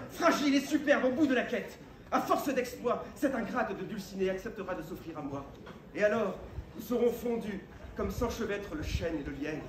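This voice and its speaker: A grandiose, fervent knight declaims with hammy stage flourish in a high-pitched voice. He is recorded live from a distance, with plenty of echo. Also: a bit bright. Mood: indignant, fervent. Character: grandiose, lovesick, fervent knight Don Quixote. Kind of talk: theatrical stage acting. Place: live theatre show, far from mic. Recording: distant, echoey, noisy live performance recording.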